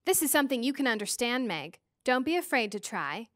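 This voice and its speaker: A patient, reassuring ancient star being with a soft, kindly way of explaining things, as a woman reads her. The voice sits fairly high and sounds close and dry. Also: sing-song, fairly quick, no room sound. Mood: gentle.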